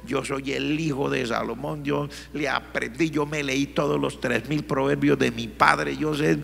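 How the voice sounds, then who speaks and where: A man's voice: mid-range voice, fairly even intonation, a little slow, creaky, a bit bright, long reverb tail, a little hiss or hum, voice pushed down. A male pastor voicing an arrogant young king who brags about himself. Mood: boasting. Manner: bragging, self-satisfied.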